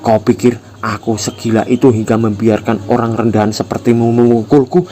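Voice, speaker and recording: A man voicing a blunt, tough high school boy who was once a gangster, speaking in a curt, scornful and threatening way. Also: steady tone, brisk, mellow, lightly acted. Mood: cold scorn.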